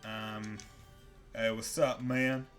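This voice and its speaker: Speaking extremely slowly in a lowish voice with little pitch movement, a streamer offers casual live commentary on the game he is playing. He is playful and profane, tossing in lots of jokey asides. Game music is faintly audible.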